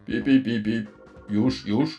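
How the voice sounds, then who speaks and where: A performer voicing a household robot helper in a low monotone robot voice, beeping before each reply and speaking stiffly and literally. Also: slow pace, muffled recording. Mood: robotic. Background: background music.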